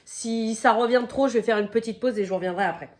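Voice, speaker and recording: A woman's voice: fairly high pitch, a little mellow. Chatty woman with a slight cold. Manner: chatty, fills pauses with "donc" and "euh"; coughs and apologizes now and then. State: has a cold, slightly croaky voice. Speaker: crafting vlogger. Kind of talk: casual unboxing chat.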